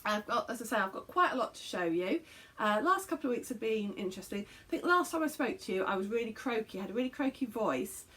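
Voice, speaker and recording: Talking to a camera in her small home craft room, a fifties-aged English knitting podcaster chats casually and rambles, correcting herself and using plenty of fillers. She talks fast in a husky, fairly bright voice that's a little high and expressive.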